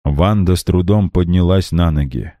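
A man reading a novel aloud as a measured, dramatic audiobook narrator. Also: deep voice, warm tone, no room sound.

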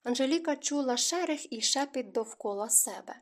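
A woman narrating a historical romance audiobook in a smooth, even storytelling manner. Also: high voice, normal speed. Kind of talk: scripted narration.

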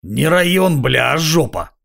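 A man voicing a crude, raspy male street bum who swears and drawls. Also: fairly high pitch, sing-song, a little slow, a bit bright, voice pushed up, exaggerated voice. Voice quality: raspy, hoarse.

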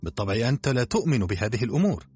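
A man's voice: deep voice, quick pace, breathy edge, faint music behind. A man voicing a scornful young expedition member who mocks superstition. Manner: scoffing, mocking.

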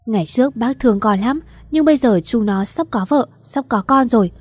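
A woman's voice: on the high side, brisk, a little mellow, dry recording, lightly acted. A woman reading an audiobook story, voicing an older mother who scolds a young woman reproachfully.

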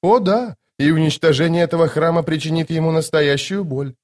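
A man's voice: on the high side, brisk, a little mellow, pitched above the performer's own voice, natural voice. A man voicing a haughty, teasing sorceress in an audiobook, speaking in a mocking, commanding way. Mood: playful. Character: haughty, teasing sorceress woman, playful and imperious. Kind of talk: audiobook character voice.

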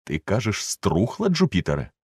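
A man voicing an excitable eccentric gentleman who gives urgent commands, for an audiobook. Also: lowish voice, normal speed, slightly rough, no room sound, clean studio sound, exaggerated voice.

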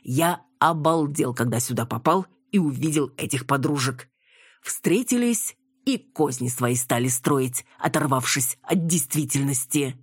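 Woman voicing older joking father, slow amused lowered delivery, husky tone. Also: lively intonation, no room sound, studio quality, heavily acted. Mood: wry.

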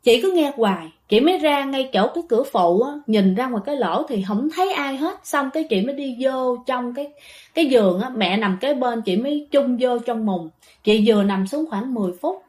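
A woman's voice: on the high side, animated, normal speed, a little mellow. A woman telling ghost stories in a chatty way, often addressing her listeners directly. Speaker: ghost story narrator. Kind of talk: storytelling to listeners.

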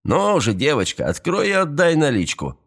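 Villain for an audiobook: a cruel, mocking young gang thug, read by a male narrator, pitched high above the narration and sneering. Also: wildly swooping pitch, moderate pace, fairly bright tone, heavily acted. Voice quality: sneering, taunting.

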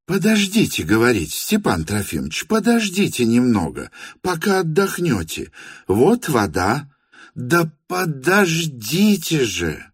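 Shrill, frantic older noblewoman, as a man puts her on in an audiobook, with wide swoops of pitch. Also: wildly swooping pitch, unhurried, husky, no echo, clean studio sound, heavily acted. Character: imperious agitated older noblewoman. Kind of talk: audiobook character voice.

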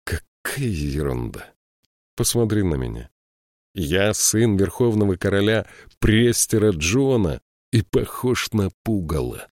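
A man reading the lines of a weary, haunted prince in a slow, grave way. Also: sits low, very animated, darkish tone, no echo, studio quality. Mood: exasperated.

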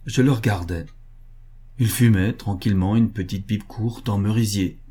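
A man reading a literary short story aloud in a measured, even storytelling manner. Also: fairly low pitch, breathy edge. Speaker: audiobook narrator. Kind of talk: scripted literary narration.

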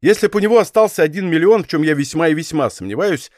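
A man reading a bold, calm musketeer captain in an audiobook, speaking with dry irony. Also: on the high side, quick pace, dry recording, close to an everyday voice. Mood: ironic.

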